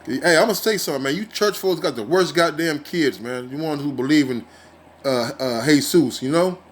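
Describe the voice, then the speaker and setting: A man's voice: fairly high pitch, normal speed, slight background noise. A man teaching from scripture in a casual, heated style, reading verses and then ranting with profanity and many fillers, often ending his phrases with "man". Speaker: street preacher.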